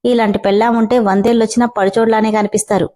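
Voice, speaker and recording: A woman's voice: on the high side, little pitch movement, fast, dark tone, natural voice. A woman reading the lines of a scheming, sarcastic middle-aged man. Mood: sneering. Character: scheming, sneering middle-aged brother-in-law.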